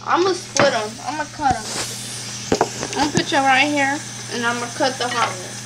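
A young woman with a high voice chats her way through a casual cooking vlog. She talks straight to her viewers from a small kitchen, with frying and sizzling noise clearly audible behind her on a camera set on the counter. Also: normal speed. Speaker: vlogger.

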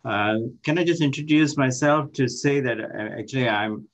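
An older man from Malaysia giving an online lecture as a guest professor, halting with many fillers and restarts, speaking on a video call from his office. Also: mid-range voice. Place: office with shelves. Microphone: laptop microphone on a video call. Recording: muffled video call audio.

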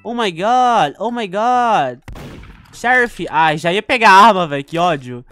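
A man's voice: high-pitched, lively intonation, a little slow, fairly bright tone, clean tone, faint music behind. A young man with a Brazilian Portuguese accent, giving chatty gameplay commentary with dramatic outbursts. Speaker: gaming YouTuber.

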